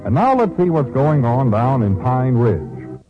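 A man's voice: medium pitch, sing-song, a little slow. A man announcing a show in a formal, old-time radio manner, heard as a vintage radio broadcast. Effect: old radio broadcast sound. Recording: muffled vintage radio broadcast with loud music. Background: loud theme music.

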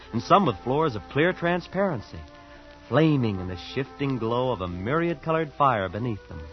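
A man's voice: medium pitch, lightly acted. An actor playing a wide-eyed young man from a small town who tells his own story in an earnest, awed, shy way, in an old radio drama. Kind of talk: 1940s radio acting with first-person narration. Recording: muffled old radio recording with music behind.

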